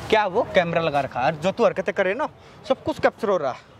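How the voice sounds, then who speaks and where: A man's voice: high voice, sing-song, brisk, slight background noise. A young man scolding and threatening in a heated confrontation outdoors on a city street. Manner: aggressive, scolding. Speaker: bystander confronting a girl.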